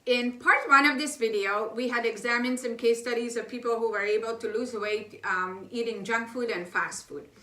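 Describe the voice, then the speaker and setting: A woman's voice: a little high, moderate pace, few pauses, pushed and bright, reverberant, far from the mic. A woman hosting her own health channel, explaining diet science in a chatty lecture with rhetorical questions and fillers. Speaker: health educator channel host.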